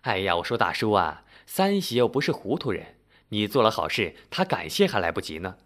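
A man storyteller voicing a flustered, quick-tempered young village wife who exclaims and turns shrill when upset. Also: sing-song, fairly bright tone. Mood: coaxing.

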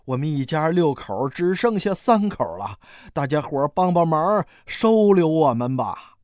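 A reader voicing a grieving poor peasant father who flees famine and pleads slowly and sorrowfully. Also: mid-range voice, sing-song, darkish tone, no echo, clean studio sound. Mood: pleading. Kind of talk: audiobook character voicing.

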